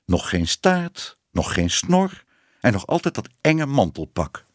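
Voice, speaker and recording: A man's voice: mid-range voice, wildly swooping pitch, unhurried, slightly rough, no room sound, clean studio sound, exaggerated voice. A man voicing a stern, disapproving old female cat who scolds and bosses her niece. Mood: scolding.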